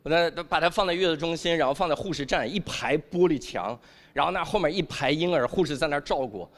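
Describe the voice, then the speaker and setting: A man performing a stand-up comedy routine on stage, animated and acting out the voices he quotes. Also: fairly high pitch, quick pace. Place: comedy stage before a live audience.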